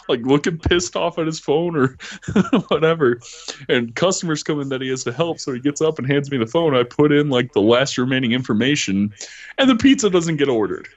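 A man hosts a casual podcast chat, laughing and swearing his way through a long story. His voice swings widely up and down as he tells it. The recording sounds dull and lo-fi. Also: fairly high pitch. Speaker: podcast host.

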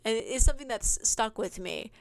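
A woman's voice: on the high side, expressive, normal speed, dry recording. A young woman hosting a podcast, telling her own work stories in a casual, chatty monologue full of fillers and little laughs. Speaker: podcast host.

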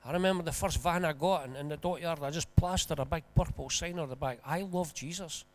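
A Scottish man with a broad accent delivers an informal sermon. His voice sits a little high for a man, and he talks in an earnest, colloquial way, like someone telling stories to people he knows. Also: fairly quick. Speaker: preacher. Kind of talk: informal conversational sermon with storytelling.

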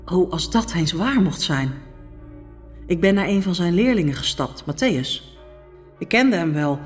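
A woman's voice: on the low side, expressive, measured pace, soft background music. Woman doing a haunted roman noblewoman, solemn and urgent, voice rising and falling a lot. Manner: solemn, urgent, hushed storytelling. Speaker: Pilate's wife. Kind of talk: dramatic first-person monologue.

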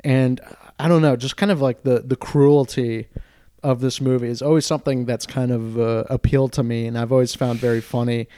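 Mellow-voiced young man rambling about films. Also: mid-range voice, fairly even intonation, fairly quick, no echo. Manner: rambling, heavy on fillers. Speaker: podcast co-host. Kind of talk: casual film podcast chat.

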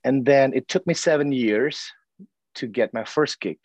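A man from Indonesia, an actor in his forties, talking casually in an interview, halting often with restarts and "you know". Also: mid-range voice, darkish tone, no room sound.

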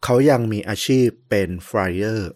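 A man co-hosting a podcast, telling a historical story in a relaxed, chatty way with many fillers. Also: lowish voice, moderate pace, no echo, studio quality.

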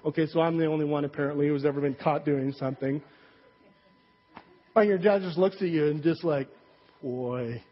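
Male pastor, conversational sermon with jokes and asides; husky tone, lo-fi recording. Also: on the high side, steady tone, fairly quick, pauses often. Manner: conversational, joking, many fillers and asides. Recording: dull recording with long hall reverb.

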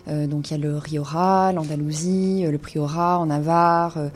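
A woman's voice: sits low, fairly even intonation, normal speed, darkish tone. A woman presenting a casual wine segment, speaking with many hesitations and fillers. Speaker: wine columnist.

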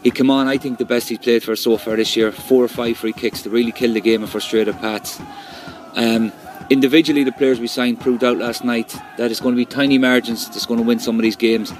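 An Irish man with a mid-pitched voice talks as a football fan reviewing a match. His delivery is fluent and colloquial, like an informal report to fellow supporters. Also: steady tone, brisk, low-quality recording.

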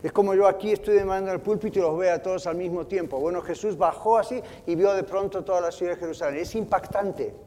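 A man preaching a sermon from the pulpit, earnest, slowing down and softening when he quotes scripture. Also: sits high, big-room sound, a little hiss or hum. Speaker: pastor. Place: church sanctuary.

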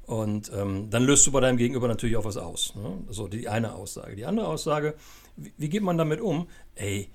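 A man giving calm, explanatory advice in a casual chat, often ending points with tag questions. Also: mid-range voice, fairly quick, vocal fry.

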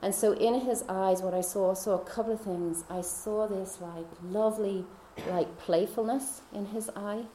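Chatty woman with a mellow voice. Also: mid-range voice, fairly even intonation, moderate pace, few pauses, reverberant, slight background noise. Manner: chatty, laughs often, dips into soft whispers. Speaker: speaker. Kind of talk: personal faith testimony.

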